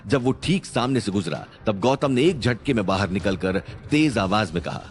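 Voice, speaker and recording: A man's voice: on the low side, animated, moderate pace. A man narrating a suspense story in a scripted, dramatic storytelling manner.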